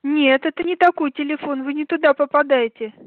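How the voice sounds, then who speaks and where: Rich: A woman answers over a thin telephone line, her voice high and light. She sounds puzzled and keeps asking who is on the line. A faint hiss runs under the narrow phone sound. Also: steady tone, brisk. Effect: heard over a phone line. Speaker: prank call recipient.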